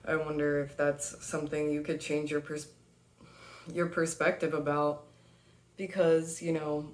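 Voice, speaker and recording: Slow, low-voiced woman reading tarot. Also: level tone, roomy sound. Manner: chatty, laughs easily, many fillers. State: has the hiccups. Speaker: tarot reader. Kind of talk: casual spoken tarot reading.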